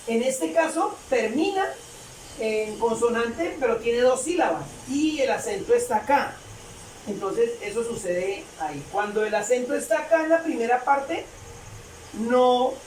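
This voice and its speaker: A woman explaining a grammar rule to a class, halting often with fillers and repeating her phrases. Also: fairly high pitch, darkish tone. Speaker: English teacher. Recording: echoey room, distant mic, faint noise.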